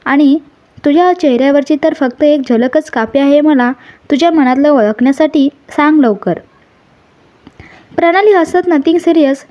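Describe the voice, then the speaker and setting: A woman's voice: high-pitched, normal speed, darkish tone. A woman narrating a romantic story and reading both lovers' lines herself, mixing in English and Hindi phrases. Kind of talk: storytelling narration with character dialogue. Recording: slightly dull audio with faint background music.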